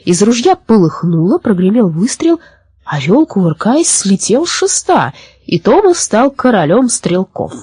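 A woman narrates a children's story with lively, expressive rises and falls. Her voice is very breathy and mellow. The recording is close and dry. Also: medium pitch, measured pace, dry recording. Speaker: audiobook narrator.

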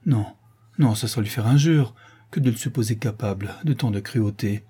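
A man's voice: fairly low pitch, normal speed, dark tone, breathy edge. A man voicing a young female artist who pleads and insists anxiously, clinging to hope, in an audiobook. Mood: pleading.

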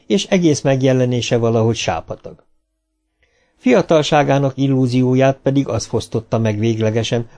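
A man narrating a novel as an audiobook, reading in a calm, measured way. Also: mid-range voice.

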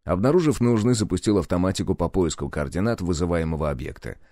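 A man narrating an audiobook in an expressive, lively reading. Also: fairly low pitch, dry recording, studio quality. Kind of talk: scripted narration.

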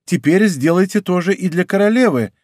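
Guy reading as a bold young musketeer, brisk and bossy, voice jumps around a lot, dry sound. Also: high-pitched, lively intonation, darkish tone, dry recording, voice pushed up. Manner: brisk, commanding. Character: bold young male musketeer, quick and commanding.

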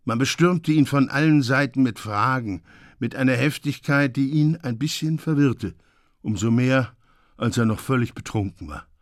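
Male storyteller for a radio reading, measured and expressive, dry studio mic. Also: mid-range voice, no echo. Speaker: audiobook reader. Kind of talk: literary narration.

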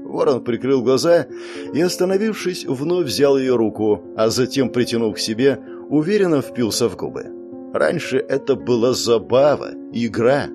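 A man narrating a fantasy audiobook in a steady, measured way. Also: medium pitch, over music.

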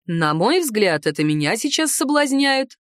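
A woman voicing a restrained, commanding young male ruler in an audiobook, speaking low and measured. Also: sing-song, no echo, studio quality. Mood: cold, amused. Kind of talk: audiobook character voice.

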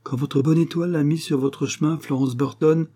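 A man's voice: on the high side, fairly even intonation, moderate pace, warm tone, husky, voice pushed up. A man voicing a proud, wounded young aristocratic widow who speaks in a pleading, bitter way. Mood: bitter, wistful.

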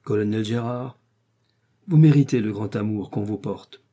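A man's voice: on the low side, moderate pace, mellow, natural voice. A man voicing a young Venetian nobleman, a passionate, jealous lover, with impassioned, declamatory delivery. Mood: solemn.

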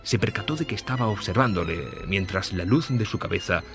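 A man narrating a classic Christmas story in a measured, storytelling way. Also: fairly low pitch, lively intonation, creaky, over music. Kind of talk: scripted narration.

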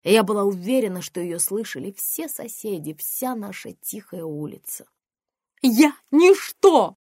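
A woman narrating a first-person memoir as an audiobook, in a quiet, restrained storytelling manner. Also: mid-range voice, expressive, moderate pace, no echo, clean studio sound.

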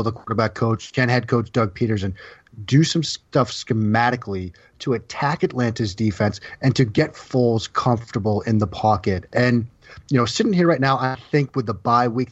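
A man's voice: mid-range voice, husky, no room sound. A man with a Boston accent, a guest football analyst who talks at length and often repeats words as he restarts. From Boston area, United States. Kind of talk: casual podcast chat. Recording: dry, slightly dull sound.

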